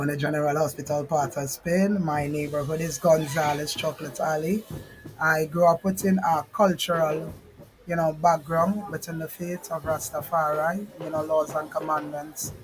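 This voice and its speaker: A woman's voice: low voice, noisy background. A woman from Trinidad and Tobago with a Trinidadian accent, a guest musician giving earnest, flowing interview answers. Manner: earnest, flowing speech with frequent "you know".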